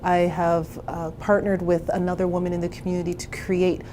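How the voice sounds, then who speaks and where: A woman's voice: lowish voice, level tone, brisk, warm tone, slight background noise. A woman in her forties from Canada, a therapist and entrepreneur, telling her own story in a candid, chatty interview. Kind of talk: personal interview.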